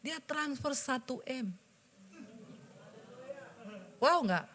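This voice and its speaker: A woman's voice: sits high, animated, drawn-out words, a bit bright. A woman pastor preaching a sermon, telling a personal story and acting out the dialogue while speaking straight to her congregation. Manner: addresses the congregation directly.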